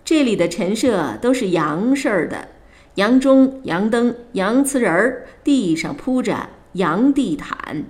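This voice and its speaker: A woman reads a classic novel aloud for radio listeners at a slow, deliberate pace. Her mid-pitched voice shapes the story with measured, expressive narration.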